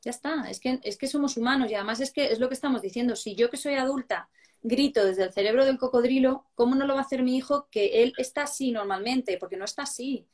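Woman psychologist, kinda high voice, explains stuff earnestly, lots of "¿no?". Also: quick pace, a little mellow. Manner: explanatory, earnest, rhetorical questions. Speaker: psychologist guest. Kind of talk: casual live-stream chat on parenting.

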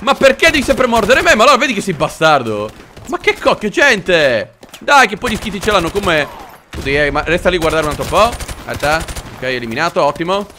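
Excitable gamer. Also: male voice, a little high, brisk, slight background noise. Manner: excitable, swearing, jokey. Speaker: gaming commentator. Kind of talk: let's play commentary. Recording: game gunfire behind.

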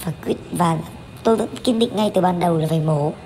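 A woman's voice: fairly low pitch, fairly quick, a little mellow, a little hiss or hum. A woman in her thirties narrating a family vlog as voice-over, candid and chatty, with many fillers and restarts. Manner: candid, chatty, with frequent fillers and self-corrections. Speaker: vlogger.

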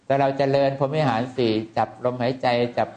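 Lively male Buddhist monk teaching. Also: medium pitch, a little fast. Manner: lively, repetitive, mimics people he describes. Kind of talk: informal dharma teaching.

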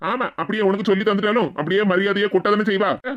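A man's voice: high-pitched, fairly even intonation, rapid-fire, highs cut off, close to an everyday voice. A man voicing a grumpy middle-aged father who speaks with a Kanyakumari Tamil accent in a sarcastic, brusque way. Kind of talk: animated cartoon dialogue.

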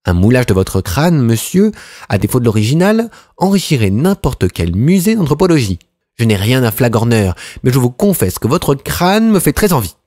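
A man reading an audiobook and voicing an eager, gangly young country doctor who speaks in an excitable, formally polite way. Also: mid-range voice, normal speed, no echo, clean studio sound. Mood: effusive.

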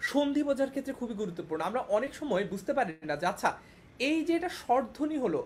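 A young woman gives an online lesson in a slightly high voice. She teaches patiently, repeating each point and often checking that her students understand. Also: very animated, very fast, slight background noise. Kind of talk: online class lecture.

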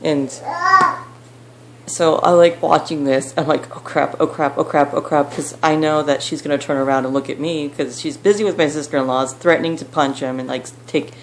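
A young woman with a low voice tells a story straight to her camera at home, rambling and packing her talk with fillers. The recording is noisy, with clicks and hiss underneath. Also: normal speed. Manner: rambling, filler-heavy, animated retelling. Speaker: vlogger. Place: at home, child nearby.

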